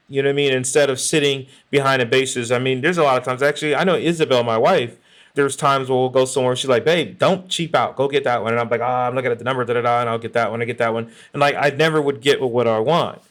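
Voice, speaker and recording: A man's voice: medium pitch, a bit bright. A man co-hosting a podcast in casual chat, blunt and salty, often saying "you know what I mean". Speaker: podcast co-host.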